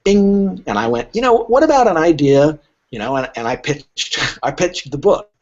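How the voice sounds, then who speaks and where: With a fairly high pitch and moderate pace, this man chats casually as a literary agent on a podcast. He tells lively stories, acting out pieces of imagined dialogue, though the recording sounds dull and lo-fi.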